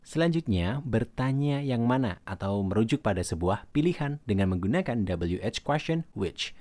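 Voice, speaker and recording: A man teaching English grammar in a recorded lesson. He reads English example questions slowly and then translates them. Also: mid-range voice, animated, darkish tone, no echo.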